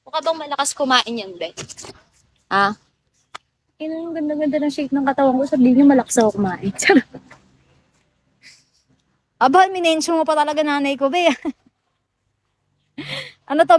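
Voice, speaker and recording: A woman from the Philippines chats casually with viewers on a phone livestream, her voice sitting high. She teases, laughs often and slips easily between languages. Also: normal speed, pauses often, no echo. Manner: playful and teasing, laughs often, mixes in English. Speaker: livestream host.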